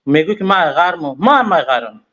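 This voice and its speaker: Brief: high-voiced male caller, agitated and insistent, dull muffled phone sound. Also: big pitch swings, bright, forceful tone. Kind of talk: phone-in talk.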